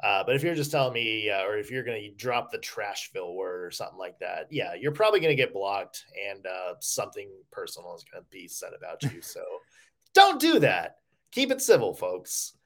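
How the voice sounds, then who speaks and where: A man's voice: fairly low pitch, animated, fairly quick, few pauses, fairly bright tone. A man hosting a sports podcast, talking in an easygoing, wry way as he wraps up the show. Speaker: podcast host. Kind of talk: casual podcast chat.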